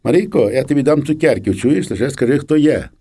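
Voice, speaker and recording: A man's voice: medium pitch, expressive, fast talker, dark tone, breathy edge, voice pushed up. A man voicing a nosy village shopkeeper woman, drowsy and prying, in a storybook reading.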